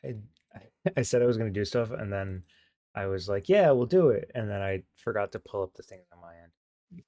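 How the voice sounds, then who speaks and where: A man's voice: on the low side, fairly even intonation, normal speed, darkish tone, no room sound, studio quality. A man co-hosting a podcast in casual chat, giggly and sheepish, often trailing off mid-thought. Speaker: podcast co-host.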